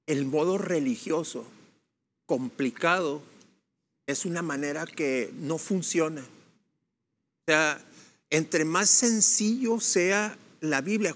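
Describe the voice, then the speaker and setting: A man's voice: fairly high pitch, takes it slowly, pauses often, a bit bright. A man speaking earnestly and reflectively in a casual Bible discussion.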